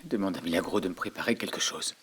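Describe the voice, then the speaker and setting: An actor dubbing a wounded hacienda master who speaks in a demanding, agitated way. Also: male voice, high-pitched, wildly swooping pitch, fast talker, creaky, a bit bright, heavily acted. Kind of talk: dubbed telenovela acting. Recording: music playing underneath.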